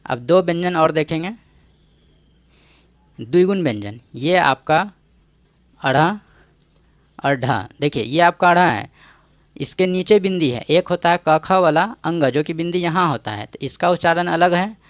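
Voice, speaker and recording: An animated teacher with a fairly high voice speaks unhurriedly, with long pauses and no room sound. In his exam-prep grammar lesson he goes step by step, says "ठीक है" often to check in, and poses rhetorical questions to quiz the viewer.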